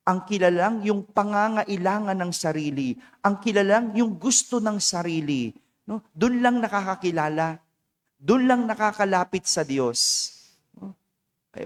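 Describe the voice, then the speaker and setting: A man's voice: sits high, in a large hall. A Filipino man, a parish priest, giving a chatty homily and often asking the congregation short questions. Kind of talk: conversational homily. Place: church.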